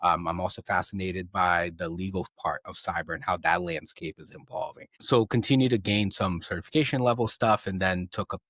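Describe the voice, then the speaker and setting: A man in his thirties, raised in Brazil, tells his story with energy and a very low voice. The sound is dry and close. He repeats words and keeps tagging on "right?". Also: fairly even intonation, brisk, hardly any pauses, a bit bright, no room sound. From Southeast Brazil. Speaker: guest. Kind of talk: casual interview talk.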